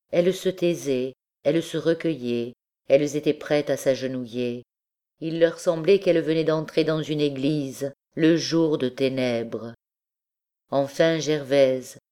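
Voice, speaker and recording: A woman reading a classic novel aloud as an audiobook narrator, calm and measured. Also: low-pitched. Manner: slow, calm literary reading. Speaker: audiobook reader. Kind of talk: scripted narration.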